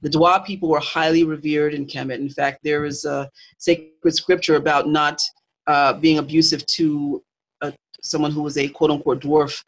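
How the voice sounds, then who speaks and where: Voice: medium pitch, little pitch movement, normal speed, low-quality recording. Host explaining spiritual lore at length. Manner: explanatory, with many fillers and restarts. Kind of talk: spiritual teaching talk.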